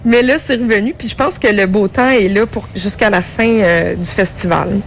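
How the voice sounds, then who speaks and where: A woman reporting from a festival in casual, conversational Quebec French. Her pitch is average, and faint ambience sits behind her. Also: normal speed, slight background noise. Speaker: festival correspondent. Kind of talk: casual on-air chat.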